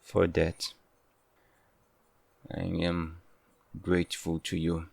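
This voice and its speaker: A man's voice: low-pitched, completely flat delivery, extremely slow, vocal fry, dry recording, exaggerated voice. A man playing an obsessive, hot-headed, possessive yandere lover with intense, pleading devotion in a dramatic audio role-play. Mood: grudging, weary.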